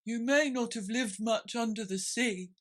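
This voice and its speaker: A woman voicing a sorrowful but excitable male turtle creature in a storybook, solemn and wistful, given to excited exclamations. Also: on the high side, a little slow, voice pushed up, close to an everyday voice.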